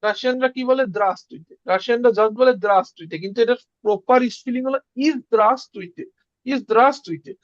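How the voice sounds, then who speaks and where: A man teaching a casual beginner lesson, repeating words slowly for learners. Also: very high-pitched, no room sound, lo-fi sound. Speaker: Russian language teacher.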